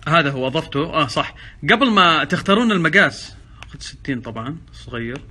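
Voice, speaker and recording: A man's voice: a little high, expressive, quick pace. A man chatting playfully and exclaiming as he vlogs to his phone from his car. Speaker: social media vlogger. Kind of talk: casual chat to phone camera. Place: in a car and at a petrol station. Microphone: phone held by hand. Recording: phone recording with loud traffic noise.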